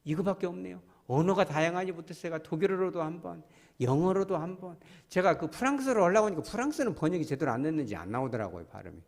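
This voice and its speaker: A man preaching in a church with a fairly high voice that rises and falls a lot, and his throat sounds strained. He keeps asking the congregation questions, and the sound rings with long reverb in a large church hall. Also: animated, quick pace, gravelly. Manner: emphatic, asks congregation questions, sudden loud cries. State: throat strained after illness. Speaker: pastor. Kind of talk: sermon. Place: church sanctuary.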